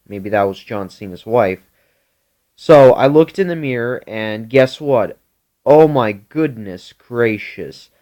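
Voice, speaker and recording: Man rambling through a made-up tale. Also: medium pitch. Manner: meandering, full of restarts and 'like'. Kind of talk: rambling improvised storytelling.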